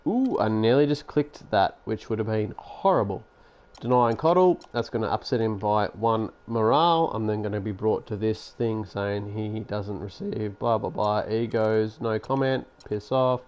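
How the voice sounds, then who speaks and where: Low-voiced man grumbling through gameplay. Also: normal speed, hardly any pauses, darkish tone, muffled recording. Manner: chatty, sarcastic, grumbles at the game. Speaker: gaming YouTuber. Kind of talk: casual gameplay commentary.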